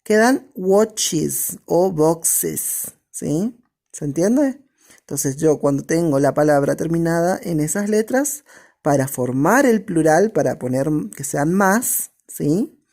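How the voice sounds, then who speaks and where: A woman teaching, speaking slowly with a lively, rising and falling pitch. Her low, mellow voice reads English examples and translates them, and she keeps checking that her students follow. Her patient classroom explanations come in small, deliberate steps. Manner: slow, patient, checks in with constant "¿sí?". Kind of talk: recorded online class explaining grammar.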